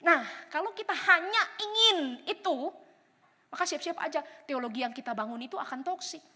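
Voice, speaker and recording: Woman theology teacher, high and bright, animated questions, reverberant hall. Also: moderate pace. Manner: animated, rhetorical questions, acts out quoted inner voices.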